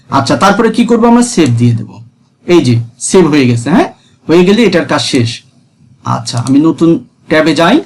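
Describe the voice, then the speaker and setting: A man talks through a screen tutorial in a chatty, repetitive way, checking in with his viewers. His voice sits high for a man. Faint background noise hums under the recording. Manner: chatty, repeats himself, asks viewers "ঠিক আছে?". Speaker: freelancing tutor.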